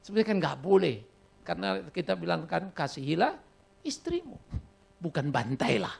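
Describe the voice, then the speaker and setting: A man's voice: a little high, huge pitch swings, normal speed, vocal fry, slightly rough. A middle-aged man with a Batak accent preaching a sermon, telling stories and teasing his congregation. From Indonesia. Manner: storytelling, teasing the congregation, breaks into laughter. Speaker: pastor.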